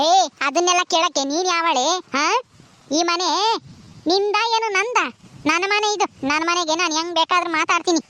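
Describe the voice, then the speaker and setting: A woman playing a drunk, bossy village mother-in-law who shouts and taunts in a comedy skit. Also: very high voice, moderate pace. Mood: defiant. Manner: shouting, taunting, slurred bluster.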